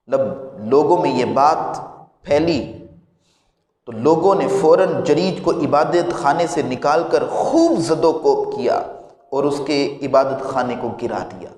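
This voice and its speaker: A man delivering a sermon, telling a moral story at an unhurried, deliberate pace. His voice sits somewhat high for a man and rings with a long, echoing reverb, as if recorded in a large hall. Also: animated, darkish tone. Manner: slow, measured retelling of a moral tale. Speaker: religious preacher.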